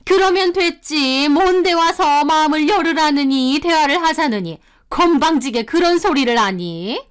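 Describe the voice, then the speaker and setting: A woman's voice: high voice, measured pace, pitched above the performer's own voice. Woman playing a haughty scolding mother-in-law. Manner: indignant, haughty, sharp retorts.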